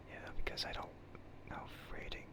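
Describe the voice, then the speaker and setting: In ASMR style, a livestream host chats in a soft, breathy whisper. Her talk is rambling, hesitant and self-deprecating.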